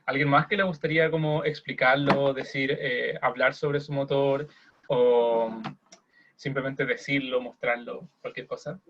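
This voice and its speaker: A man's voice: mid-range voice, fairly even intonation, a little slow, crowd noise. A young man presenting a theater workshop, talking informally and encouragingly, often restarting his phrases. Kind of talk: online workshop talk. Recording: dull lo-fi audio.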